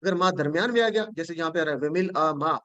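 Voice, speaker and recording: A man's voice: fairly high pitch, fairly bright tone, dry recording, muffled recording. Patient man teaching word meanings. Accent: Pakistani Urdu. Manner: patient, repeats each word and checks with "ٹھیک ہے جی"; recites prayer phrases slowly. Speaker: Quran teacher. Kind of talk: explaining word meanings to students.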